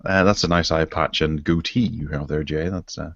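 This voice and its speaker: A man with a very low, deep voice hosts a laid-back tech podcast. He talks over a video call, so the sound is dry and a little dull. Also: moderate pace, no room sound. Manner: relaxed, chatty, leads the segments. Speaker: podcast host. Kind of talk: casual tech chat. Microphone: online video call.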